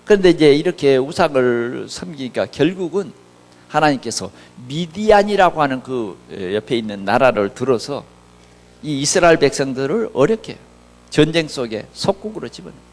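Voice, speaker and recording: A man's voice: a little high, long reverb tail. A male pastor delivering a conversational sermon full of rhetorical questions to his congregation. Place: church sanctuary.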